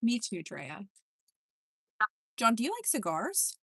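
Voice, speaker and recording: Female paranormal live streamer, gravelly fry, dry close sound, casually addressing spirits and chat by name. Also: a little high, huge pitch swings, slow pace, dry recording. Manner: addresses spirits and viewers by name, relaying replies aloud.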